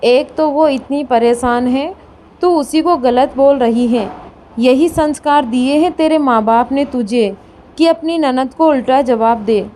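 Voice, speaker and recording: Woman doing a scolding mother-in-law, storybook, high voice, unhurried. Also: dark tone, a little hiss or hum. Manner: scolding, taunting. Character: sharp-tongued older mother-in-law.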